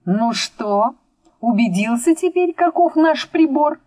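A woman reading a calm, wry male wizard with a steady, mildly mocking manner. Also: high-pitched, takes it slowly, no echo, pitched above the performer's own voice, heavily acted. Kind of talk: audiobook reading.

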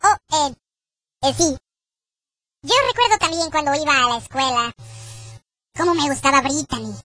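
A man voicing a lecherous male chipmunk with a squeaky sped-up voice and a Mexican accent, confessing meekly in a parody comedy sketch. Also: normal speed, bright, forceful tone, dry recording. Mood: sheepish confessing. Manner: confessional, meek, apologetic. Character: lecherous adult male chipmunk, shameless and sheepish.

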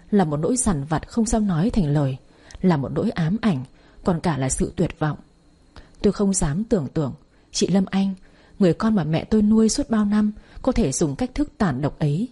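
A woman's voice: medium pitch, dark tone, husky. A woman narrating a first-person audio story in an emotional, heartfelt reading.

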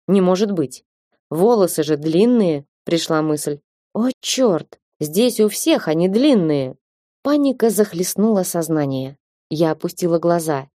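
A woman narrating a fantasy audiobook in the first person, with lively, ironic storytelling. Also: lowish voice, no room sound, clean studio sound.

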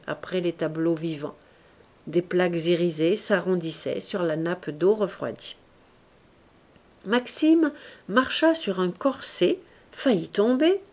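A woman's voice: fairly low pitch, darkish tone. Woman narrating a classic novel. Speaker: audiobook narrator. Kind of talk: scripted narration.

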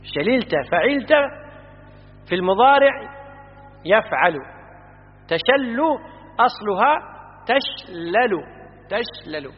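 A man's voice: sits high, animated, slow, pauses often. A man teaches classical grammar, stopping often to quiz his listeners and stress each vowel. The recording is dull and lo-fi, with long reverb from a lecture hall. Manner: explanatory, quizzing students, stresses vowel patterns.

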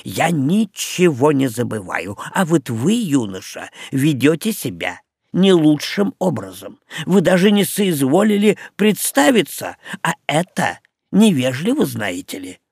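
A man's voice: on the high side, big pitch swings, measured pace, darkish tone, husky, no echo, studio quality, heavily acted. A man voicing a pompous, forgetful old male ghost professor in an audiobook. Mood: fussy. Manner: pompous, lecturing.

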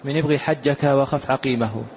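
A man, a student, recites lines of a teaching poem back to his teacher in an even chant. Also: medium pitch, fairly quick, a little hiss or hum. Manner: flat sing-song recitation of verse lines. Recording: dull lo-fi recording, voice farther from the mic.

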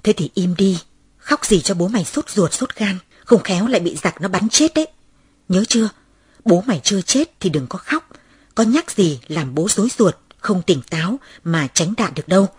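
A woman voicing a stern wartime mother who scolds her child in sharp, hurried bursts. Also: medium pitch, animated, husky, no room sound, studio quality. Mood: scolding.

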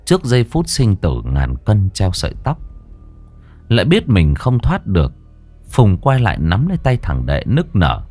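Male storyteller, ghost story, colloquial, very lively pitch, soft music behind. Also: normal speed.

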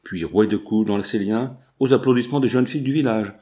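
A man reading a classic adventure novel aloud as an audiobook narrator, measured and even. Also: on the low side. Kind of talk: scripted narration.

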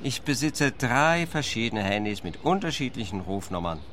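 An actor playing a grumpy, impatient van driver in a radio drama, harried and exasperated. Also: male voice, medium pitch, very animated, moderate pace, fairly bright tone, a little hiss or hum. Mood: grudging.

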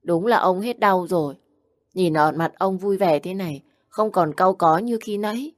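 A small, affectionate little boy speaks in a bright, high voice, as a woman puts him on. He sounds polite and eager, his pitch lifted well above an adult's. The recording is dry and close, with no room behind it. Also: normal speed, no echo, natural voice. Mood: tearful. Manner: chirpy and polite, tearful when upset.

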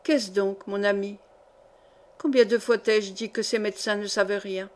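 A woman voicing a frail, fretful dying noblewoman in an audiobook, soft and plaintive. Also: mid-range voice, fairly even intonation, moderate pace, lightly acted. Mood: querulous. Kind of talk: audiobook character reading.

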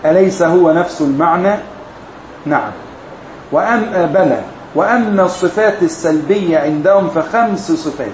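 A man gives a religious lesson. He explains classical grammar slowly and point by point, like a teacher. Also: high-pitched, darkish tone. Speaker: sheikh teaching a women's study course. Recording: echoey room with faint ambient noise.

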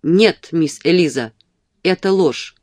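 A woman's voice: fairly low pitch, slow pace, a little mellow, no room sound. A woman voicing a proud, easily angered young man who answers curtly, read from a novel. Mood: tense.

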